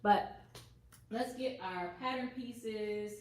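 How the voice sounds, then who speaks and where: Taking it slowly in a mid-range voice, a sewing channel host chats through a relaxed tutorial from her sewing office, thinking aloud while she works. She moves around the room, changing her distance from the added mic, while the camera sits across the room amid roomy echo and faint background hiss.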